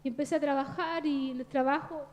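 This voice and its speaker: A Chilean woman with a very high, piping voice gives a church testimony. She speaks earnestly and confessionally, turning to the congregation as brother. She sounds like a woman in her thirties. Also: fairly even intonation, brisk, highs cut off, a little hiss or hum. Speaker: church member giving testimony. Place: church service.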